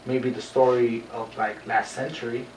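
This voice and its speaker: A man's voice: mid-range voice, flat delivery, normal speed, a little mellow. A man co-hosting a wrestling show, brash and boastful, dropping Spanish phrases into his talk. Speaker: wrestler and co-host. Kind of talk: boastful wrestling promo chat. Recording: echoey room, distant mic, faint noise.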